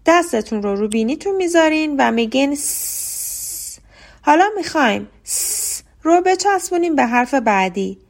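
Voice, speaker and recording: A woman's voice: high voice, animated. Persian-speaking woman teaching pronunciation. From Iran. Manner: clear, explanatory, slows down to model example words. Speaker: podcast host teaching English pronunciation. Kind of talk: scripted lesson monologue.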